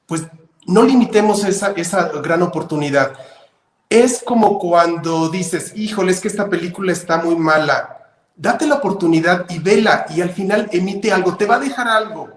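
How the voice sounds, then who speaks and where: A man with a Mexican accent speaking on an online panel. He gives calm, encouraging advice with everyday examples. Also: fairly high pitch, reverberant. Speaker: panelist, designer and artist.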